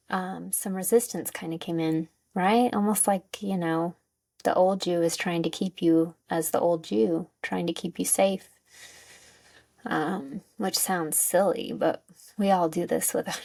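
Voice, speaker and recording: A woman giving a casual guided self-help talk as a coach, informal and tentative as she searches for words, with a creaky voice. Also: on the low side, warm tone, dry recording. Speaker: wellness coach and host.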